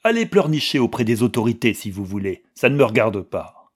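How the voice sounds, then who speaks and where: A man's voice: mid-range voice, animated, normal speed, darkish tone, husky. A man voicing a brutal, rude police chief who barks curtly, in an audiobook reading. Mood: scornful. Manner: curt, barking.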